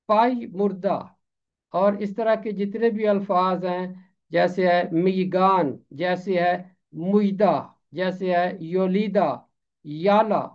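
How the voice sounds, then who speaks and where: Man teaching careful pronunciation, lo-fi. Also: high voice. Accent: Pakistani Urdu. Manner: slow, deliberate, repeats each word for drill. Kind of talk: measured word-by-word lesson. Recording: slightly dull lo-fi recording.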